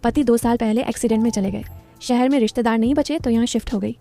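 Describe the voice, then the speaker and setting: A woman's voice: a little high, fast, vocal fry, warm tone, faint music behind. A woman voicing Sunita, a teasing village widow. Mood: friendly. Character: lonely widowed village woman, mid-thirties, friendly.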